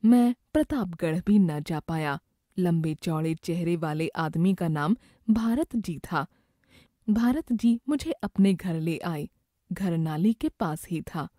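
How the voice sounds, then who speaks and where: A woman narrates a moral story at an unhurried reading pace. Her voice sits a little low and sounds mellow and soft. The recording is dry and close, with no room sound. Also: expressive, no echo. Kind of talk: scripted first-person story narration.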